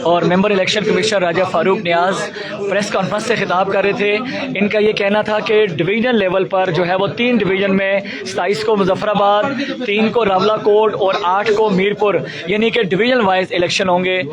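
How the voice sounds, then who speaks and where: A man's voice: high-pitched, flat delivery, moderate pace, hardly any pauses. A man reporting from a press conference, asking questions politely and then summing up for viewers. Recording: lo-fi audio with a crowd behind.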